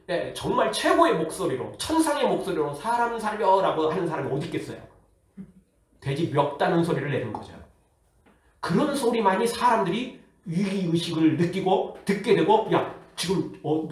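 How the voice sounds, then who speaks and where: A man who is a pastor, preaching a sermon in a lively way with rhetorical questions and acted-out voices. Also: high voice, heavy reverb, recorded from a distance. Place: church hall.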